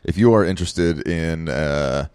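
This podcast co-host is a man with a very deep, clear, resonant voice that is a little mellow, and he speaks at a measured pace. His chat is casual and rambling, packed with fillers and restarts. The studio-quality recording has no echo.

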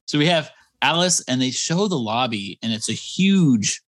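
A man co-hosting a podcast who leads the rundown, recapping step by step in relaxed casual chat. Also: mid-range voice, normal speed, no echo. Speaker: podcast co-host leading the episode rundown.

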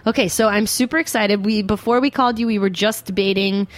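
Female talk host, mid-pitched, animated and jokey, happy to argue a point conversationally. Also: a little fast. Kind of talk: casual talk show chat.

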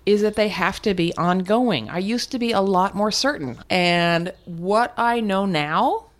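An older woman, a guest in a candid, conversational interview, speaks in a mid-range, unhurried voice. She is frank and reflective, restarting sentences now and then and laughing occasionally.

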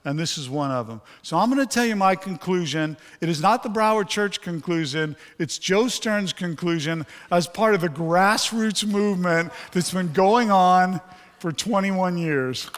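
In a church sanctuary with long hall reverb, a man preaches in a high-pitched, fairly bright voice at an unhurried pace. He is a pastor whose voice was weakened by a stroke, and he speaks candidly and jokes with his congregation during the sermon.

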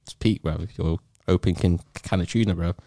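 Speaking a little fast in a deep, dark voice with fairly even intonation, a London roadman drops heavy street slang in a relaxed podcast conversation, frequently tacking on tag questions. There's no room sound at all.

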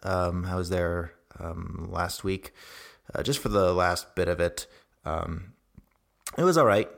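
A man with a low voice hosts a music radio show in a casual style. His delivery is hesitant and wandering, full of pauses. The sound has a cave-like echo around his voice. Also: creaky.

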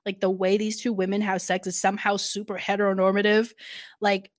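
A woman's voice: medium pitch, brisk. Woman podcaster gabbing about a show episode, laughs a lot, does little voices for the characters. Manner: laughs often, animated retelling with quoted voices. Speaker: podcast co-host. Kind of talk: casual recap chat.

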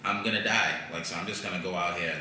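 A low-pitched man talks as a podcast guest, loose and animated, swearing freely and filling with "like" and "you know". His voice rings around a very echoey room. Steady background noise sits under it. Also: fast talker. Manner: animated, blunt and profane, lots of "like" and "you know". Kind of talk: casual conversation.

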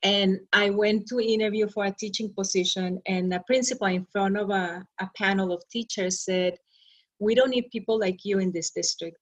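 A woman's voice: mid-range voice, fairly even intonation, normal speed. A middle-aged woman from Arizona, a school superintendent earnestly and reflectively telling her life story in an interview. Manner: earnest and reflective, with brief laughs and restarts.

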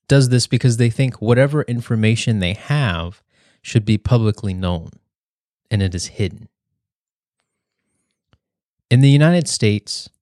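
A young man hosting a podcast, reading a prepared speech in a measured, earnest way. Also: on the low side, darkish tone, no echo, clean studio sound. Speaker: podcast host.

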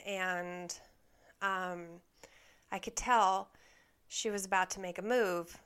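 A woman's voice: lowish voice, fairly even intonation, slow, a bit bright, smooth. A woman vlogger telling a personal story in a candid, self-deprecating way, laughing at herself. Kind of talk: storytime monologue.

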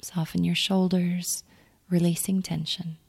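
A woman leading a calm guided grounding exercise, giving gentle, soothing instructions in a soft, near-whispered delivery. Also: on the low side, a little slow, creaky, breathy edge. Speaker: meditation guide.

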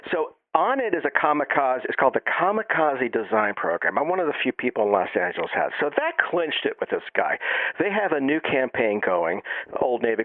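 Deadpan man with a tinny, dry sound. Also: mid-range voice, dry recording. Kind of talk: deadpan comic storytelling.

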